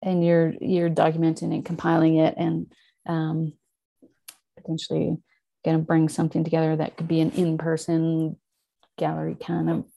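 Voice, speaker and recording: A woman's voice: low voice, monotone, moderate pace, gravelly, mellow, dull audio. A woman hosting a casual podcast interview. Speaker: podcast host.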